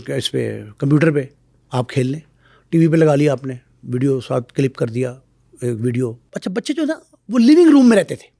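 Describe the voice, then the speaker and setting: Animated middle-aged male talk-show guest. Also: fairly high pitch, dry recording, studio quality. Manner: lively, acts out quoted voices. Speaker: guest expert.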